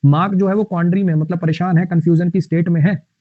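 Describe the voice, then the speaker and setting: A man teaching English vocabulary in a live online class. He explains words with playful mnemonics and reads the English example sentences slowly. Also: high voice, fairly even intonation, dry recording. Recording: tinny, phone-like line.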